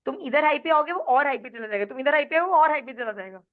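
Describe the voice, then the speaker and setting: An Indian-accented woman coaches her listeners in an animated talk, acting out what her clients say. Her voice sits a little high. The sound is thin and tinny, like a phone line. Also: fast talker. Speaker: life coach. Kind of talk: motivational talk to an audience.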